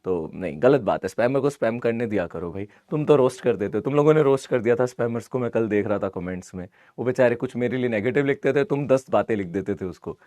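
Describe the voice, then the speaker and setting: Hoarse man teaching, dry close sound. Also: medium pitch, animated, fast talker, hardly any pauses, darkish tone, dry recording. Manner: chatty, repeats greetings, mixes English into Hindi. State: hoarse, sore throat from fever. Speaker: online physics teacher. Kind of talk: live online class, casual chat. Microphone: close mic, amplified.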